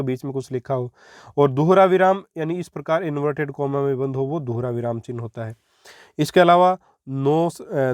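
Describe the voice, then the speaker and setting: A man's voice: fairly high pitch, darkish tone, no room sound, clean studio sound. A young man teaching an exam-prep Hindi grammar lesson, explaining step by step and repeating key points for his students.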